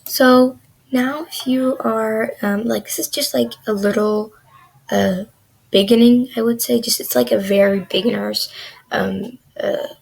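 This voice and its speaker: With a slightly high, steady, unhurried voice that's creaky, a little mellow, and breathy at the edge, this young woman walks beginners through coding. The screen-recorded lesson is chatty and loose, heavy on fillers like "um" and, above all, "like."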